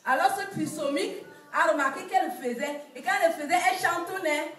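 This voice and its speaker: Woman comedian, Cameroonian French accent, high voice, echoey, heard from a distance. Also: a little fast, soft background music. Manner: animated, acts out village characters. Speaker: stand-up comedian. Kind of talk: stand-up storytelling. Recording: echoey room from far off.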